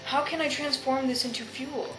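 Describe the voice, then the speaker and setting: A bold blustering space captain who booms out big lines in a campy old-timey adventure-serial way, acted by a woman. the voice sits a little high with faint music behind it. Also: fairly even intonation, moderate pace, pushed and bright, rough recording. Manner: grandiose, booming exclamations. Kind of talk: campy radio-serial acting.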